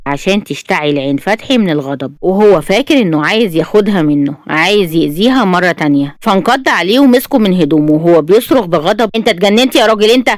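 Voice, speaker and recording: Fast-reading Egyptian woman storyteller. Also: lowish voice, no echo. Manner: brisk, expressive reading. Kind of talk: scripted story narration.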